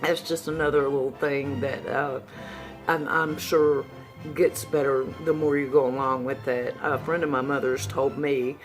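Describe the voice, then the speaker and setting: Slow-talking woman with whistling sibilants. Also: very deep voice, level tone, over music, poor audio. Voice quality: whistling sibilants from new dentures. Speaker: vlogger. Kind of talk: casual personal update to viewers.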